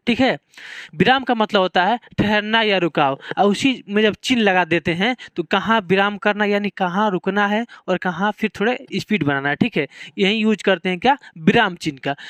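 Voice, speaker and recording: Male teacher, Bihari Hindi accent, high voice, dry close recording, repeats points in a lecture. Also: a bit bright, no room sound. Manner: repeats key points, asks and answers own questions. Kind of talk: classroom lecture.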